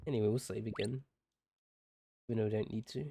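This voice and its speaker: A man streaming a game, making relaxed, offhand asides between reading the dialogue. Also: fairly low pitch, fast, vocal fry, a little hiss or hum. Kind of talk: casual gameplay commentary.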